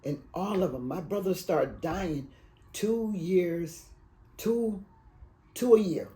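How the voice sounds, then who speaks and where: Mellow-voiced woman in her eighties, reminiscing. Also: fairly low pitch, poor audio. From Alabama, raised in Detroit. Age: 80s. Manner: rambling, emotional, halting. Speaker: oral history interviewee. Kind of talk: oral history storytelling.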